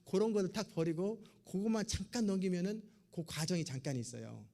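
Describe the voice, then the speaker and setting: A man's voice: high voice, big pitch swings, a little fast, creaky, warm tone. A male pastor giving a sermon in a conversational style, often slipping into little acted-out dialogues.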